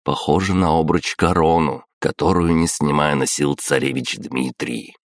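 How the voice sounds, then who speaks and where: A male narrator with a very deep, low voice reads a fantasy novel in a steady, dramatic way. The recording is dry and close, with no room sound. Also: moderate pace, no room sound. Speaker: audiobook narrator.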